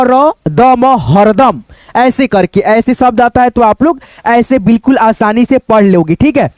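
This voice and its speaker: A man's voice: very high-pitched, a little mellow, no room sound. A man teaching beginners to read Hindi, sounding out letters and words syllable by syllable and often checking in with his viewers. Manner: slow, drawn-out syllable-by-syllable sounding out, repeating each word; keeps addressing viewers as friends, checking with tag questions. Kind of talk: online Hindi lesson for beginners.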